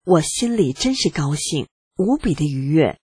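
An adult reading a personal testimony aloud in a steady first-person way, earnest and reflective. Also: mid-range voice, normal speed, breathy edge, no room sound.

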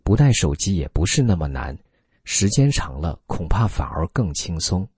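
A man's voice: deep voice, big pitch swings, normal speed, darkish tone, slightly rough, dry recording. A man reading a scripted commentary in an earnest, admonishing tone, full of rhetorical questions.

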